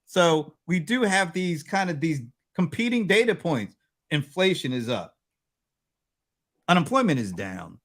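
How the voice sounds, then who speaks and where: A man co-hosting a casual business chat. His pitch swings widely as he talks through figures. He makes joking asides and teases his partner along the way. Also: very animated, measured pace, a bit bright. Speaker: co-host.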